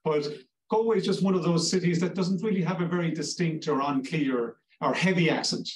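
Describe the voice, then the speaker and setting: A Cork-accented Irish man talks up his language school in a chatty, reassuring way, often restarting his sentences. His voice sits slightly high. He sounds set back from the mic in a roomy, echoing space. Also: fairly quick, far from the mic. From Ireland, Cork. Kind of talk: promotional interview answers.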